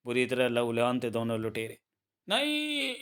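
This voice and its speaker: A man's voice: mid-range voice, level tone, brisk, clear, resonant tone. A man narrating a comic book aloud with dramatic storytelling.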